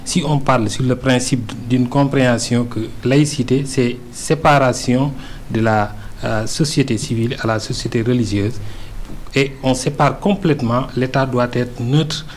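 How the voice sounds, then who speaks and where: A man with a mid-range voice and slight background noise appears as a guest on a political radio interview, speaking French with a Senegalese accent. Arabic-educated and not a native French speaker, he comes across earnest and hesitant, with many fillers and restarts.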